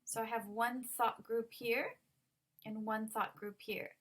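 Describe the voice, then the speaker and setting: A woman's voice: on the high side, flat delivery, takes it slowly, a bit bright. A woman ESL teacher walking students through an online lesson, explaining patiently with many ums. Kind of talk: recorded online lesson walkthrough.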